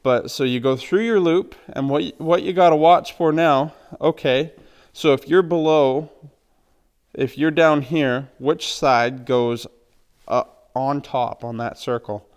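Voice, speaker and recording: A man, a horse trainer, calmly explaining knots step by step in a plain, practical way. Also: on the high side, slow pace, clear, resonant tone. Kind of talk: instructional demonstration.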